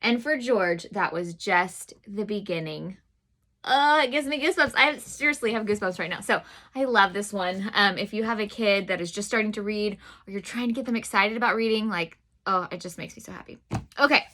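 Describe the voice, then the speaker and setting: A woman's voice: medium pitch, fast, pushed and bright. A woman in her thirties chatting casually about children's books, gushing to viewers with lots of "um"s. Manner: chatty and gushing, addresses viewers as "you guys"; frequent "um" fillers. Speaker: vlog host reviewing children's books. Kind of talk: casual chat.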